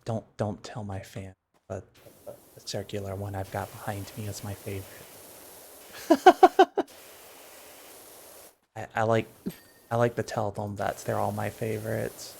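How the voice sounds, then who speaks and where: A man's voice: fairly low pitch, animated, a little slow, vocal fry, pauses often, a little mellow, slight background noise. A man streaming a game, chatting casually and wryly while he plays. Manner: laid-back, wry, thinks aloud while playing. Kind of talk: casual gameplay chat.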